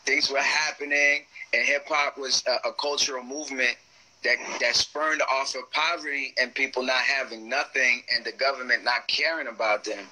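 Laid-back man rapper, bright tense voice. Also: mid-range voice, steady tone, moderate pace, rough recording. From Washington DC / Maryland area, USA. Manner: laid-back, streetwise, uses "you know what I'm saying". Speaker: rapper, interview guest. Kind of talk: casual interview on a live video call. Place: room at home, seated in gaming chair. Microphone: phone or webcam on a video call.

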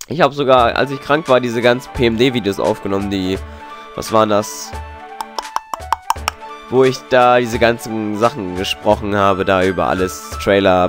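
A young man with a sore, hoarse throat, giving jokey gaming commentary full of wordplay. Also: medium pitch. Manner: animated, jokey, slips into wordplay. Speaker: let's player.

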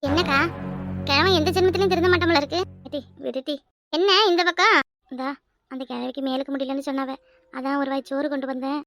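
A woman voicing a loud, outspoken village daughter-in-law in a cartoon, speaking bluntly with a southern Tamil Nadu village accent. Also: high voice, fairly even intonation, fairly quick, soft background music. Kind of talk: cartoon voice acting.

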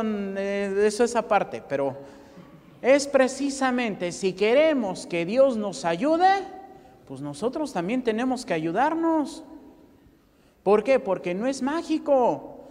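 Mexican priest, high voice, preaching in a church with a long echo; asks the crowd question after question. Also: male voice, animated, a little slow, a little mellow. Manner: rhetorical questions, acts out parishioners' pleas. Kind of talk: sermon.

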